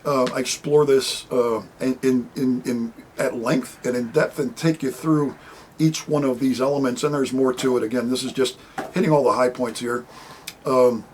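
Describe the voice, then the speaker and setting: A man's voice: medium pitch, steady tone, normal speed, slight background noise, poor audio. A man, an author, talking about his book in a casual, rambling monologue to camera and acting out the people he quotes.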